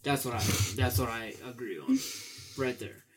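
Argumentative man, mid-pitched voice. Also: normal speed. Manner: argumentative, keeps disagreeing. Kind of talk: casual chat.

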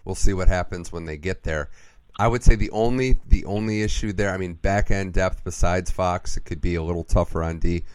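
A man hosting a hockey podcast, giving lively, opinionated takes in casual chat. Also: deep voice, fairly quick, clear, resonant tone, no room sound.

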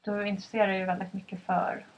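A young Stockholm woman co-hosts a podcast in a chatty, casual style, driving the questions and using fillers like "liksom" and "så här". Her mid-range voice has a flat delivery. The recording is dull and lo-fi, with faint background noise.

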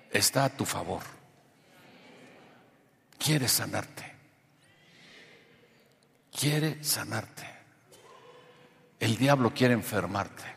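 A man's voice: mid-range voice, creaky, a bit bright. A man with a Mexican accent preaching a sermon and telling a testimony, shifting from storytelling into emphatic preaching. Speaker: pastor. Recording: long hall reverb.

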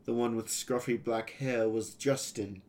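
A man reading a first-person fantasy adventure story aloud as its narrator, in a steady storytelling voice. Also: medium pitch, unhurried.

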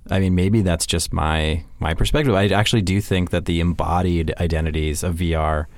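Man, very deep voice, rambling casual podcast talk, dry close recording. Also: steady tone, fairly quick, dry recording. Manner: rambling, many restarts and fillers. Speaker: podcast co-host. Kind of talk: casual panel chat.

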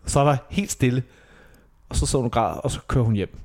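A man speaking, chatting casually as a podcast co-host and telling animated stories that he fills with impressions of people. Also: mid-range voice. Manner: animated storyteller, mimics people, laughs often. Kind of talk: casual chat.

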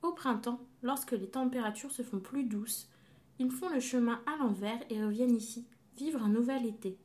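A woman narrating a children's story, gently explaining things to a child listener. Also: on the high side, normal speed.

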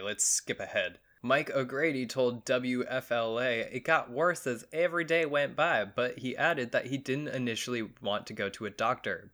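A man's voice: mid-range voice, a bit bright. A man hosting a podcast alone, rambling crudely through odd news stories with mock outrage. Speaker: podcast host. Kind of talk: solo comedic podcast monologue.

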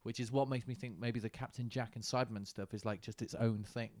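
A man's voice: medium pitch, fairly even intonation, a little fast, a little mellow, no room sound. A man co-hosting a podcast in casual chat, thinking aloud and asking questions. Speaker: podcast co-host.

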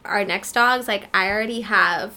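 A woman's voice: mid-range voice, moderate pace, bright, forceful tone. A young woman chatting casually as co-host, talkative and laughing often. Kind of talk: casual chat.

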